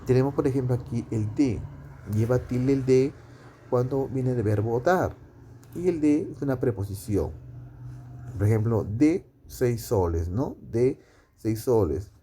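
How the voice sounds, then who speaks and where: Dark-voiced man explaining grammar. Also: medium pitch, a little hiss or hum. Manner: explains slowly with many fillers and tag questions. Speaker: teacher. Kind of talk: spoken grammar lesson.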